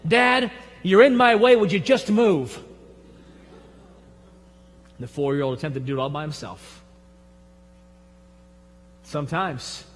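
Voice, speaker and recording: High-voiced Michigan pastor preaching in a hall. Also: male voice. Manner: folksy, emphatic preaching with quick drops to a hush. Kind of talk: sermon. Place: large church sanctuary. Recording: long hall reverb from the sanctuary.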